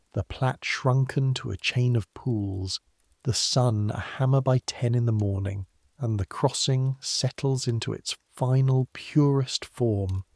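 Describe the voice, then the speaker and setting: A man calmly narrating a scripted history story for sleep, addressing the listener in measured second person. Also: on the low side, creaky, no echo, studio quality.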